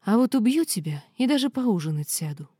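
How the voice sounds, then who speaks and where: Злая молодая принцесса приказывает, читает женщина, сухая запись. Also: female voice, medium pitch, sing-song, a little fast, warm tone, slightly rough, no echo, clean studio sound. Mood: furious. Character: furious young princess, proud and commanding.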